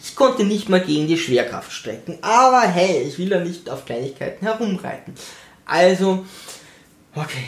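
A man's voice: high voice, very animated, moderate pace, a bit bright. A young man telling a personal story in a casual, sarcastic way, acting out the voices of the people he quotes. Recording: roomy echo.

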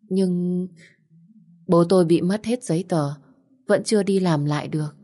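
A woman's voice: on the low side, unhurried, dark tone. A woman narrating a first-person story in an earnest, mournful way.

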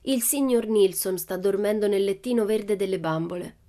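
A woman voicing a cheeky, fearless little girl who talks calmly and teases playfully. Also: medium pitch, normal speed, voice pushed up, natural voice. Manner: calm, matter-of-fact, playfully teasing.

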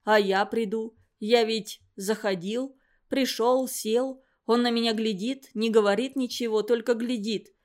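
A woman reading the lines of a grieving middle-aged male village doctor, speaking in pained, halting phrases. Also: a little high, fairly even intonation, a little mellow, natural voice. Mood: anguished.

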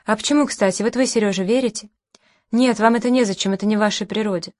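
A woman's voice: medium pitch, quick pace, a little mellow, dry recording, clean studio sound, natural voice. A woman reading as a bitter, sardonic party host. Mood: bitter, caustic. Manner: caustic, bitter, challenging.

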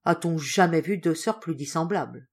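An excitable, warm-hearted old general speaks emphatically, as a woman reader puts him on. Her pitch swings in lively arcs. This is a storybook audiobook. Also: normal speed, slightly rough, heavily acted. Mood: agitated.

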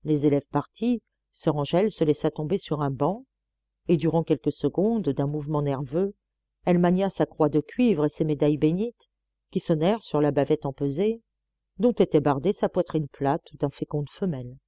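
A woman reading a novel aloud as an audiobook narrator, in an expressive, measured storytelling manner. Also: low-pitched, dry recording. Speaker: audiobook reader.

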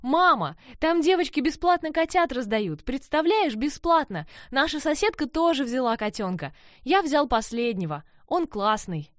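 A woman's voice: high voice, sing-song, moderate pace, hardly any pauses, no echo, studio quality, pitched above the performer's own voice. A woman reading aloud voices an eager, delighted young boy who exclaims in a breathless rush. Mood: excited.

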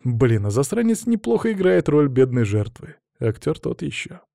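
Guy narrating an audiobook, mellow tone, really animated, dry close sound. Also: mid-range voice, moderate pace, vocal fry, dry recording. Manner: wry, lively storytelling. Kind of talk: first-person audiobook narration.

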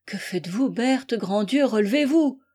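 A woman voicing a gentle, bewildered young woman in a dramatic audiobook reading, speaking in an anxious, questioning way. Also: on the high side, lively intonation, a little slow. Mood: alarmed.

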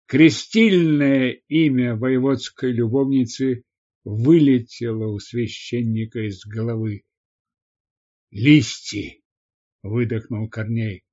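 Slow, measured male audiobook narrator. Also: medium pitch, steady tone, dark tone. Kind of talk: scripted narration. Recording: slightly dull lo-fi recording.

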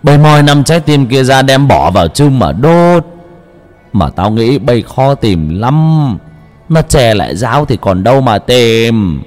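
A man voicing an old, stern head monk who speaks slowly and heavily and draws out his lament. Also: mid-range voice, sing-song, a little mellow, soft background music, voice pushed up. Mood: grave. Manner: slow, heavy, drawn-out lamenting speech.

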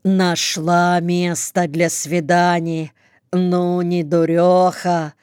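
Curt young soldier back from the front, commanding and quick to flare up, slow deliberate delivery, smooth tone, close and dry, as a woman reads him in an audiobook. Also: on the low side, flat delivery, darkish tone, no echo. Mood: gruff. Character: young male soldier home from the front, curt and hot-tempered.

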